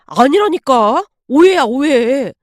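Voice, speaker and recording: A woman's voice: high voice, animated, slow, no room sound, clean studio sound. A woman doing a fidgety husband caught in a lie. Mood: defensive. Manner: defensive, pleading.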